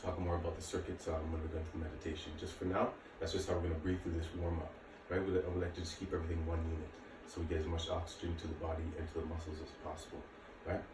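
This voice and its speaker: A martial arts and fitness instructor in his late thirties gives easygoing workout instruction to camera in a low, flat voice, talking rapid-fire with hardly any pauses. The room is echoey, the mic distant, and there's faint noise.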